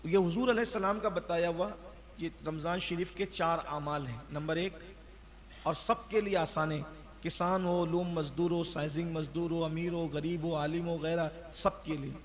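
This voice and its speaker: Man, preacher, high voice, exhorting sermon, long hall reverb. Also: steady tone. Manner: exhorting, rhetorical questions, chants the creed slowly. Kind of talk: Ramadan sermon.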